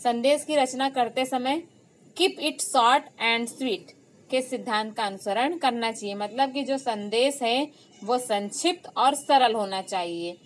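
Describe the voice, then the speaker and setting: Hindi-speaking woman teacher, slightly high voice. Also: slight background noise, rough recording. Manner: explains slowly and repeats key terms; loud, stressed example phrases. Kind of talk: online class lecture.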